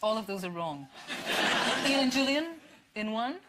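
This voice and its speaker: Woman hosting a panel quiz, dry crisp joke reading, really noisy recording. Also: on the high side, big pitch swings, moderate pace. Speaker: quiz host. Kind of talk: scripted panel show hosting.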